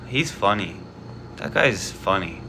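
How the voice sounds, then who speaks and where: A man's voice: low voice, expressive, takes it slowly, noisy background. A man in his twenties chatting casually to viewers before a live book reading, meandering and self-deprecating, with lots of fillers and restarts. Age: 20s. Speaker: live-stream book reader. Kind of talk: casual rambling chat to viewers.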